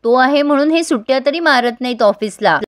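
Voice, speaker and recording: A woman's voice: high-pitched, lively intonation, brisk. A woman voicing a helpful, chatty middle-aged aunt.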